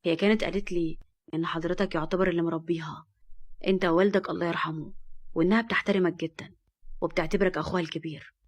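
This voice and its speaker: A woman with an Egyptian accent voicing a nervous young man who speaks hesitantly and softly. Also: steady tone, racing, natural voice. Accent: Egyptian Arabic. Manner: hesitant, softer and lower.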